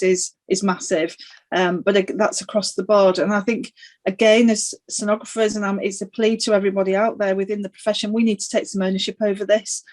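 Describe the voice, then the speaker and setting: Earnest woman panelist, mid-pitched, emphatic and plain, on a video call. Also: darkish tone. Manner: earnest, emphatic, some restarts. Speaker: sonographer panelist. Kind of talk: panel debate answer.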